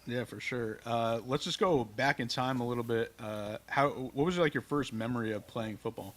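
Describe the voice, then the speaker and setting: A man hosts a casual podcast interview, asking loose questions and reacting briefly in slang. His voice sits in an ordinary middle pitch. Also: moderate pace, a bit bright. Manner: easygoing, slangy, short reactions. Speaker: podcast host.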